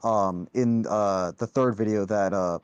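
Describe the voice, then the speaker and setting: A man's voice: fairly low pitch, fairly even intonation, unhurried, clean tone, no echo, muffled recording. Young man debating, dry close sound. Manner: hedging, restarts often, says "right?". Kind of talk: casual online debate.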